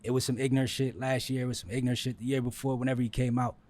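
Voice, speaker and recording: A man's voice: mid-range voice, little pitch movement, very fast, darkish tone. A man co-hosting a podcast, giving his blunt, insistent opinion. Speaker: podcast co-host. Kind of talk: casual chat.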